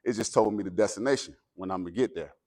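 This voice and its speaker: A man's voice: fairly low pitch, fast talker. An American man delivering a pregame pep speech as a guest motivational speaker, preacherly and emphatic. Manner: preacherly, emphatic, builds from calm talk to loud exhortation.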